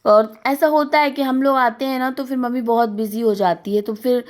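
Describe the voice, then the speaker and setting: A woman's voice: on the high side, steady tone, moderate pace, noisy background. Chatty woman narrating a family vlog. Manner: chatty, rambling, laughs while recounting. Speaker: vlogger.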